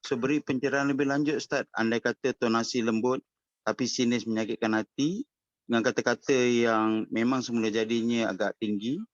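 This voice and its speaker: A man's voice: mid-range voice, fairly even intonation, brisk, dry recording, highs cut off. A man with a Malaysian accent asking a scripture teacher a question, politely and with some hesitation as he searches for words.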